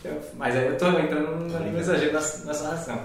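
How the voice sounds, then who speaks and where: A man's voice: fairly even intonation, fast talker. Hesitant Brazilian man, echoey distant mic. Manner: hesitant, frequent tag questions, grows amused while telling anecdotes. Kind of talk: casual reflective conversation. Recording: roomy, echoey, distant mic with low rumble.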